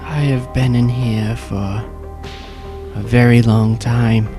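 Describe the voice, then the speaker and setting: A man's voice: medium pitch, level tone, slow pace, over music. A man voicing a tiny, ancient female moon elf spirit in a small, wispy, wistful pixie-like manner. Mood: wistful, quiet.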